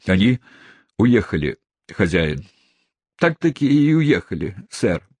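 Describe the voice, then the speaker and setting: A man's voice: mid-range voice, very animated, a little slow, no echo, pitched above the performer's own voice. A male narrator voicing a timid, breathless male servant reporting news.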